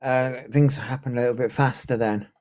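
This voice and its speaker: A man chatting casually on a live stream in a hesitant, halting way. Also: medium pitch, fairly even intonation, a little mellow.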